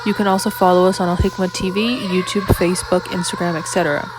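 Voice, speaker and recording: A woman reading a travel and services advertisement in an even, clear manner. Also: lowish voice, fast talker. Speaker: announcer. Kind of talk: read advertisement. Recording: announcement over loud music.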